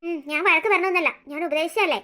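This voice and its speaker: A steady middle-aged cartoon father reassures his family and lectures them in a quick, bright voice. A woman acts him out. He sounds even and unshaken. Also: very high voice, voice pushed down. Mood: steady reassuring. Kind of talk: cartoon story voice acting.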